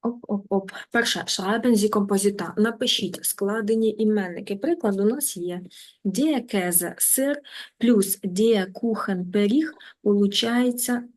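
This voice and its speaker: A woman teaches an online language class at an even, middle pitch. She is patient and deliberate, slowing down to repeat each new word for her students. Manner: patient, repeats words slowly and drills them. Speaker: German teacher.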